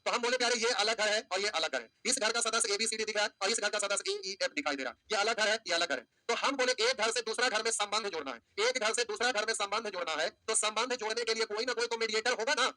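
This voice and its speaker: A man teaches a maths class. He talks very fast in a high, sharp, tense voice. He keeps repeating his points and calls his students dear ones. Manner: storytelling teacher, repetitive, addresses students as "pyare". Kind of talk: classroom lesson with a story.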